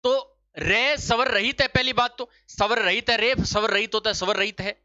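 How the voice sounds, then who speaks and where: A man's voice: high-pitched, steady tone, moderate pace, pushed and bright, no room sound. A man teaching a Hindi grammar lesson for exam preparation. He asks questions, answers them himself, repeats the key points and checks that the class has understood. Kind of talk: exam-prep spelling lesson. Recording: dull lo-fi sound.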